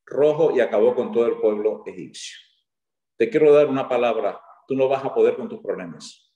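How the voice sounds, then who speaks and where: A man from Maracaibo in Venezuela with a Maracaibo accent, preaching a sermon as a guest pastor, talking fast and getting excited. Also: medium pitch, roomy sound. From Venezuela (Zulia).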